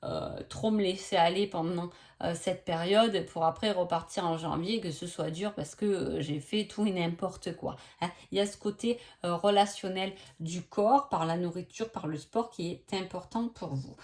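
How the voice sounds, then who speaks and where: A woman's voice: fairly low pitch, normal speed, a little mellow. Chatty French-speaking woman reading oracle cards. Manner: chatty, many hesitations and tag questions. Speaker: oracle card reader. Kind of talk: casual astrology reading by sign.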